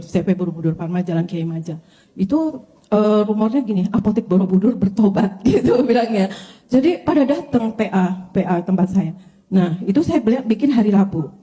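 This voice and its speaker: An older woman, a pastor, telling her conversion story to a congregation with lively storytelling and frequent direct address to her listeners. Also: medium pitch. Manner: animated storytelling, often addressing listeners as brothers and sisters. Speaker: pastor giving a testimony. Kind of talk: testimony sermon to a congregation.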